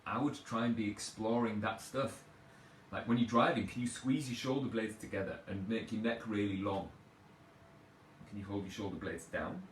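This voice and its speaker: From his sofa at home, a man who works as a personal trainer hosts a relaxed live Q&A, offering rambling, talkative advice laced with self-deprecation. His voice is fairly low and paced moderately. Sound comes from an echoey room, picked up from a distance, with faint noise behind it.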